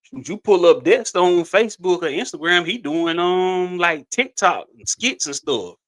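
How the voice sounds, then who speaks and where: A middle-aged man co-hosts a podcast in easygoing, rambling conversation. His voice sits a little high and sounds bright and sharp. He often stumbles and restarts his sentences. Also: expressive, normal speed. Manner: laid-back, rambling with repeated restarts and laughter. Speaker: podcast co-host. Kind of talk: casual chat.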